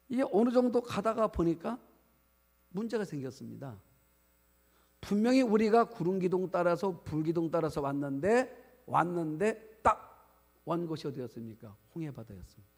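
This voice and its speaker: A man's voice: fairly high pitch, darkish tone. A male pastor preaching a sermon to his congregation, asking them questions as he goes. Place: church sanctuary. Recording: long church hall reverb.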